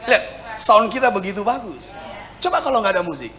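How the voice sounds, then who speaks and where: A male pastor preaching a sermon, swinging from shouts to soft tender words and speaking in tongues. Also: high voice, sing-song, fast. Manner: speaks in tongues, sings at times. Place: church hall with congregation. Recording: live church PA with music and crowd.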